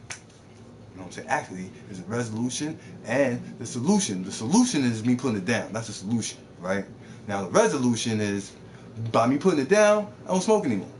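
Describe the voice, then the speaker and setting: A man's voice: lowish voice, a little hiss or hum. A man live streaming a game who rants off the cuff, cursing, repeating himself and mocking others in put-on voices. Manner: rambling, profane, repeats words, mocks others in put-on voices. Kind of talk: off-the-cuff rant while gaming.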